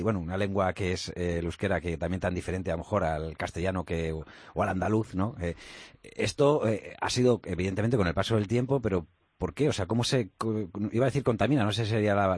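A man's voice: on the low side, a little mellow, breathy edge, dry recording. A man co-hosting a radio show, asking rambling, chatty questions. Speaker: radio co-host. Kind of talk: casual radio chat.

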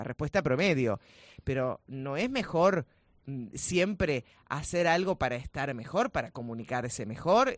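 A woman voice coach with a Rioplatense Spanish accent, speaking in a powerful, loud, vehement way as a guest in a radio studio. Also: deep voice, dry recording. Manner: vehement, lively teaching tone.

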